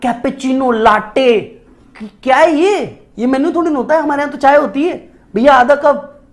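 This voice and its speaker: A motivational speaker with an extremely high-pitched voice tells a funny story at a moderate pace in a humorous storytelling talk. He's chatty, self-mocking and animated, frequently turning to listeners with rhetorical asides.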